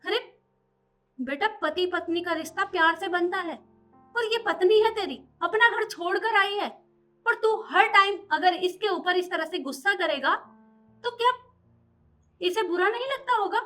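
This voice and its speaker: A sharp, very high-voiced mother scolds and lectures her grown son in a family drama, played by a woman. Her tone is bright and piercing, and she is fiercely protective of her daughter-in-law. Faint music plays behind her. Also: moderate pace. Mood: lecturing. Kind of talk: short family drama acting.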